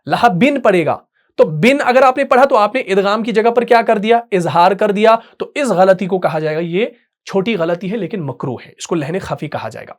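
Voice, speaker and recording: Patient man teaching Quran recitation. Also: high-pitched. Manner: explains patiently, checks in with "theek", chants verses slowly. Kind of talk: tajweed lesson.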